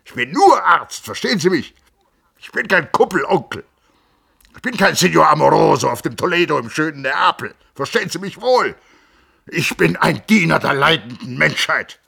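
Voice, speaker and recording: A man voicing an irascible middle-aged male sanatorium chief doctor in an audiobook reading, gruff and blustering. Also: on the low side, expressive, normal speed, pitched above the performer's own voice. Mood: raging. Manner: gruff, blustering, explodes into shouting.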